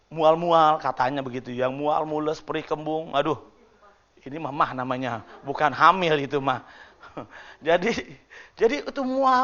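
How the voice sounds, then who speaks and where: High, gravelly male preacher. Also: dull audio. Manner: lively, joking with the congregation, acts out groaning voices. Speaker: pastor. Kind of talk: sermon. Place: church hall.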